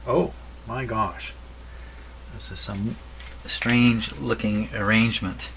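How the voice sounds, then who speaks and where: Muttering to himself as he works, a hobbyist tests a radio and gives offhand commentary from his workbench. He speaks slowly in a lowish, gravelly yet slightly bright voice with fairly even intonation, over a noisy background of electrical hum.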